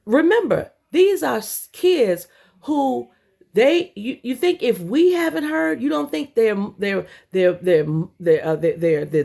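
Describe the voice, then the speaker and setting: A woman's voice: high voice, vocal fry, darkish tone. A woman giving a heated commentary rant to her viewers. She is blunt and profane, and she stumbles over repeated words when she gets worked up. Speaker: commentary vlogger.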